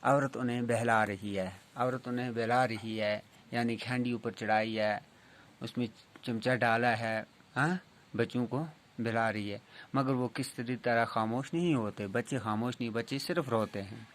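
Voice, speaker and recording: A man's voice: medium pitch, steady tone. A male school teacher giving a reading lesson to young children, restating each sentence in simpler words.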